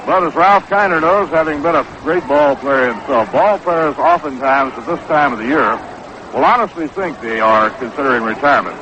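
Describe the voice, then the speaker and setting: An American man with a fairly high voice calls baseball play-by-play at a normal speed, in the manner of 1960s radio sports commentary. He's in a stadium broadcast booth, and the audio is a dull, noisy 1960s AM radio broadcast.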